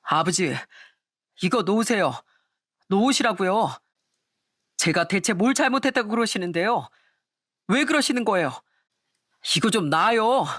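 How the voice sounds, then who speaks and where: A woman's voice: mid-range voice, animated, measured pace, pauses often, a bit bright, dry recording, clean studio sound. A woman voicing a rude middle-aged husband in a storybook drama, curt and defiant.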